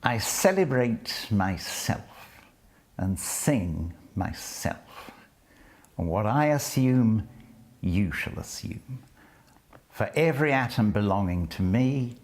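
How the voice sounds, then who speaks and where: A poetry reader and lecturer with a lowish voice gives a spoken introduction to a poem, then reads it aloud. His delivery is measured and deliberate, with phrase endings that fall away and occasional slips into soft whispers.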